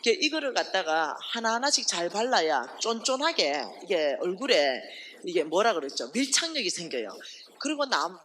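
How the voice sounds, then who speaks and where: A woman's voice: on the low side, moderate pace, slight background noise. A woman giving a testimony sermon at a revival meeting, telling her story animatedly and asking the audience rhetorical questions. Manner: animated storytelling, acting out quoted voices. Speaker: ministry staff speaker at a revival meeting.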